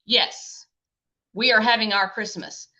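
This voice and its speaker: A woman's voice: mid-range voice, steady tone, unhurried, pushed and bright. A middle-aged woman teaching a recorded grammar lecture in a chatty way, often checking in with "okay?" and "right?". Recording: dull lo-fi lecture audio.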